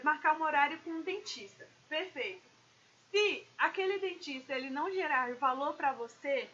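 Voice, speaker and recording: A woman business consultant giving an animated live-stream talk, speaking straight to her viewers. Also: high voice, lo-fi sound. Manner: animated, addresses viewers directly.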